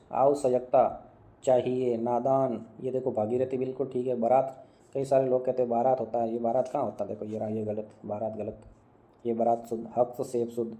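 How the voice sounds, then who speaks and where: A man teaching Hindi grammar in an online exam-prep lesson, running through words and repeating them, quizzing students with quick questions and answers. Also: mid-range voice, mellow.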